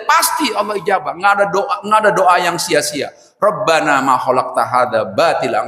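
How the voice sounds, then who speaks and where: Male preacher; animated storyteller who voices each character, recorded in a roomy, reverberant mosque. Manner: acts out dialogue, jumping high for his own replies and dropping low for the pilgrim. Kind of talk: lively storytelling sermon. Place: mosque hall. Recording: echoey mosque hall.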